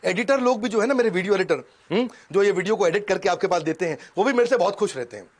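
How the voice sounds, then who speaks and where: A man coaching an audience in an energetic motivational seminar, talking in quick punchy bursts and sudden pauses, dropping English catchphrases in. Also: sits high. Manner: mixes English catchphrases into Hindi. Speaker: business coach.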